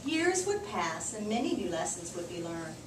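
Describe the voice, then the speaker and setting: A woman teacher reads a storybook aloud to a group of children and leads a class discussion, repeating and affirming their answers. Her voice is on the low side and very animated, at a moderate pace. The recording is echoey and noisy, picked up by a distant microphone.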